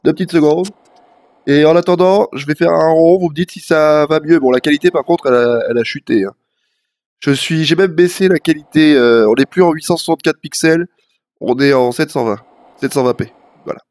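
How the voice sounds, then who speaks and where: A young man with a head cold livestreams a video game, rambling casually in slang and leaning on lots of fillers. His voice is on the high side and fairly quick, with a darkish tone and no echo.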